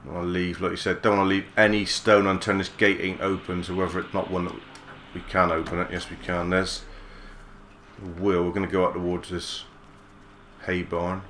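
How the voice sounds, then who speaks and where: Male let's player, deep monotone voice, laid-back musing. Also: moderate pace, slight background noise. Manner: relaxed musing, mild swearing. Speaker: gaming channel host. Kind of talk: let's play commentary.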